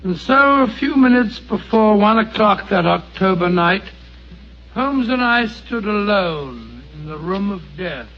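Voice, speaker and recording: An actor playing Doctor Watson, an earnest and loyal English doctor, narrating and speaking plainly in a radio drama. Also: male voice, high voice, animated, a little slow, faint music behind, heavily acted. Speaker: narrator and companion. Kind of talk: 1940s radio acting. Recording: muffled old radio broadcast, faint hiss.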